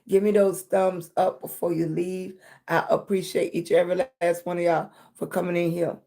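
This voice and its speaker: An American woman hosts a motivational livestream chat, her voice lowish and dark with vocal fry, holding a fairly flat pitch at a moderate pace. She is affectionate and encouraging, speaking emphatically, often adding checking tags and calling her viewers "baby" and "sweetie." She is a livestream host and content creator.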